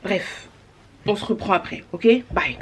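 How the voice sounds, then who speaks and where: A young woman talking casually to her vlog audience as she rushes around town, exasperated and hurried, dropping English phrases into her speech. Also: medium pitch. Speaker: vlogger. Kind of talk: casual day-in-my-life vlog chat. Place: outdoors on city streets and at a bus stop. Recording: street noise and passing vehicles behind.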